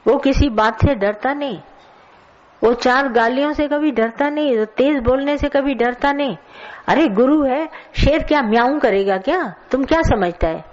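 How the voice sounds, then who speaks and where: A woman's voice: high-pitched, moderate pace, a little mellow, muffled recording. A woman giving a colloquial spiritual sermon, scolding and telling stories to her listeners. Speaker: spiritual teacher. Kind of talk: satsang sermon.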